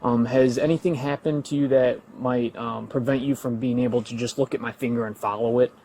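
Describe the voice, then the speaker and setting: A man's voice: medium pitch, fairly even intonation, brisk, warm tone. A male police officer questioning a driver patiently, with many hesitant fillers. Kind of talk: calm on-duty questioning. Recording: body camera audio with faint noise.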